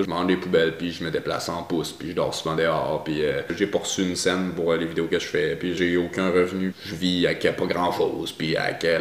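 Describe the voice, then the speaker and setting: A man's voice: deep voice, fairly bright tone, reverberant, a little hiss or hum. A young man with a Québécois joual accent ranting casually to camera, rambling with many restarts. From Abitibi, Quebec. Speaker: vlogger. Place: house, visiting his mother.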